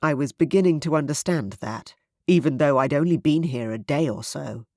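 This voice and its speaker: An audiobook narrator with a synthetic-sounding voice reading first-person romance fiction in a smooth, even manner. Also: medium pitch, normal speed, dry recording, studio quality.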